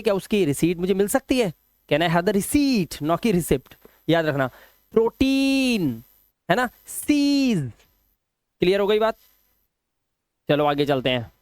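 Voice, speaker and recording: A man teaching English pronunciation, drilling word lists slowly and chatting with viewers between rules. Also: fairly high pitch, no echo. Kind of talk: spoken English lesson.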